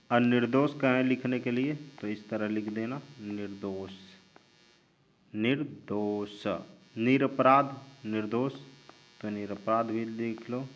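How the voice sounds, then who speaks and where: A male teacher giving a spelling lesson, drawing out each word slowly and answering his own questions. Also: lowish voice. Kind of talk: spelling lesson while writing on a board. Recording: dull lo-fi recording with mains hum.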